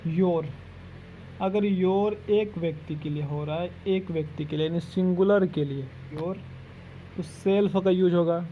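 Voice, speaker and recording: A man with a high voice works through grammar examples, circling back to each point again and again. The recording is dull and lo-fi with a faint hiss underneath. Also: steady tone. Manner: repetitive, drawn-out explanations. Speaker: English grammar teacher. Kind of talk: explaining lesson in Hindi with English examples.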